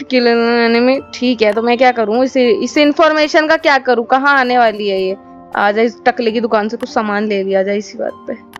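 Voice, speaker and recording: A high-voiced woman commentating her gameplay with loud, playful trash talk, repeating her threats over and over. The audio is a little dull, with faint game music running underneath. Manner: high-energy, exclaiming and repeating phrases. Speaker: gaming commentator.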